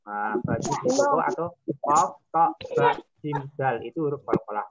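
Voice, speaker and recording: A woman teacher patiently explaining recitation rules, modelling each word slowly and repeating it. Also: rumbling low, wildly swooping pitch, lo-fi sound. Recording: loud crowd of pupils behind.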